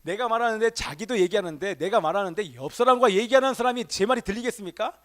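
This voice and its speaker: High-voiced male pastor preaching. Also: quick pace. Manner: fires rhetorical questions at the congregation; swings between emphatic exclamations and hushed, near-whispered asides. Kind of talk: Sunday sermon. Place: church sanctuary.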